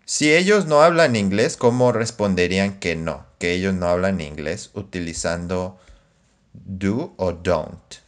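Slow, low-voiced male English teacher. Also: lively intonation. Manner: slow, careful drilling of example phrases. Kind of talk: scripted online English lesson.

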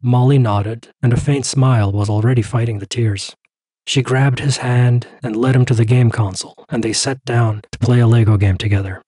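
A man narrating a contemporary fiction story in a measured, wry way. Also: mid-range voice, fairly even intonation, mellow, husky, no room sound, low-quality recording.

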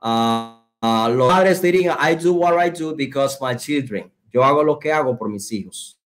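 A man teaching English pronunciation online, speaking deliberately and repeating phrases for students. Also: mid-range voice.

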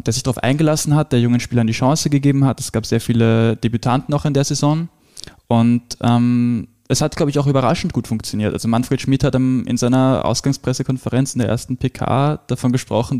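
A man's voice: mid-range voice, warm tone. A man, a football journalist recalling events, hesitant with many ums. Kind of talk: casual interview answer.

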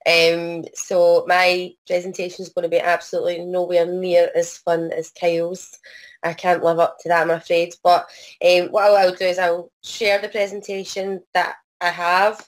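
A Scottish woman with a lowish, croaky voice, full of a cold, gives an informal presentation over a video call. Her pitch moves little, and she is hesitant and apologetic, often breaking off and starting again. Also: completely flat delivery, moderate pace. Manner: hesitant, apologetic, frequent self-interruption. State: has a cold. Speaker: presenter, arts organisation producer.

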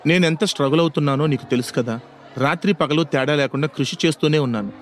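A man's voice: on the high side, quick pace, faint music behind, close to an everyday voice. A man voicing a struggling young male college student who speaks meekly and apologetically. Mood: dejected. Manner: meek, apologetic.

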